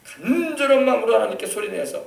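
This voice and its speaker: Male pastor, emphatic sermon, high voice, distant mic, echoey hall. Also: expressive, fast, gravelly. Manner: emphatic preaching with call-and-response. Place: church sanctuary.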